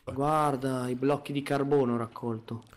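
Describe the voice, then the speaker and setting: A man's voice: mid-range voice, steady tone, unhurried. A man co-hosting a gaming video, answering his partner with cheeky, playful comebacks. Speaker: gaming channel co-host. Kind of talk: casual let's-play banter.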